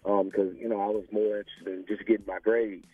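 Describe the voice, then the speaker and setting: Southern guy from alabama, low voice, casual storytelling with lots of you knows, phone line sound, bit of music. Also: level tone, brisk, no room sound. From small-town Alabama, US. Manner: conversational, peppered with "you know". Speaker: interview guest, former pro football player.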